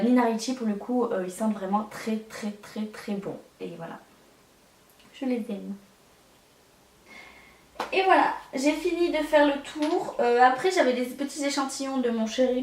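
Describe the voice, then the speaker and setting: A woman's voice: fairly high pitch, a little mellow, roomy sound, recorded from a distance. A young woman chatting in a casual vlog, hesitant and full of fillers as she shows her collection. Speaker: beauty vlogger.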